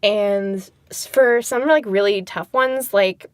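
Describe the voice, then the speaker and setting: A chatty woman co-hosting a podcast, using lots of fillers and laughing easily. Her voice sits at a middle pitch. The recording is dry and close, with no room sound. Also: slow, no echo. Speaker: podcast co-host. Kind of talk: casual chat.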